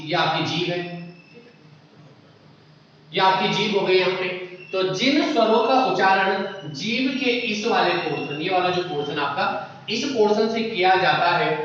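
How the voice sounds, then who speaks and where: Guy teaching a class, high bright voice, keeps asking questions and checking in, very echoey and muffled from far off. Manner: repeats checks like "ठीक है" and rhetorical questions, draws out vowel sounds. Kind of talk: classroom lesson on Hindi phonetics. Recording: echoey room, far from the mic, dull lo-fi sound.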